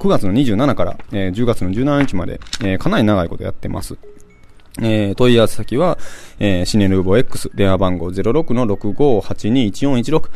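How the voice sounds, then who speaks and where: A man with a Kansai accent hosting a casual radio segment, chatting through event listings with lots of filler pauses and asides to himself. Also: on the low side, a little mellow. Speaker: host.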